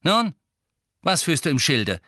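A man's voice: fairly high pitch, sing-song, measured pace, bright, forceful tone, no echo, studio quality, voice pushed up, heavily acted. A man voicing a cold, contemptuous master of the house who snaps at his servant. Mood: cold contempt. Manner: curt and cutting.

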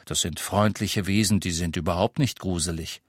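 A man's voice: sits low, moderate pace, no room sound, clean studio sound. A man doing Harry Potter, firm, caring father. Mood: reassuring. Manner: firm, reassuring.

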